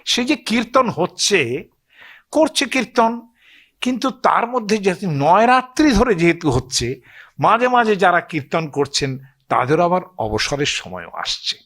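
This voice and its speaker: A man's voice: sits high, sing-song, a little slow, fairly bright tone. A man with a Bengali accent telling old stories to an audience in a loose, digressive way, often asking listeners to agree. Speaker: speaker on scripture and myth. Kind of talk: storytelling talk to an audience.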